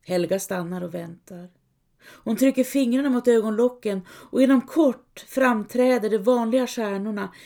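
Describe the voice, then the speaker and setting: Woman narrating a dark folk tale. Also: mid-range voice. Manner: measured, dramatic reading. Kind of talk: scripted storytelling narration.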